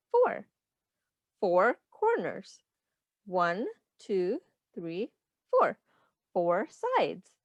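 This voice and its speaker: Reading a picture book to young children, a female teacher uses a voice on the high side, explaining simply, asking them questions and keeping her phrasing instructive for little ones. The recording has no echo.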